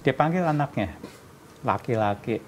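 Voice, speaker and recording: A man's voice: medium pitch, expressive, moderate pace, a little hiss or hum. A man guest telling stories in casual chat, acting out the dialogue and laughing often.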